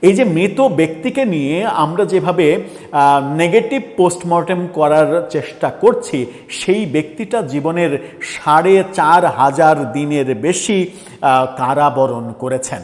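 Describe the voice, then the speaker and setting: A man's voice: a little high, unhurried, big-room sound. A man giving a political commentary monologue, earnest and pressing, with frequent filler sounds and restarts.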